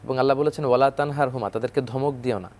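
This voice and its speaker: A man gives a religious talk, explaining each point calmly and in a measured way. His voice sits at an ordinary middle pitch. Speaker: Islamic speaker.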